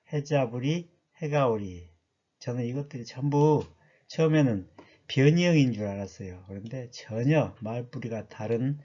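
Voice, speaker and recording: A man's voice: mid-range voice, dark tone, slightly rough, muffled recording. A man giving a chatty lecture that explains dialect words, often asking his listeners questions.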